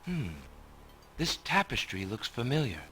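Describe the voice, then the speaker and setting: A man's voice: medium pitch, big pitch swings, measured pace, a bit bright. A man playing an earnest, polite young heroic prince in a video game, speaking in a courteous, theatrical way. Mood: puzzled, polite. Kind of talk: video game hero acting. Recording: game audio under music.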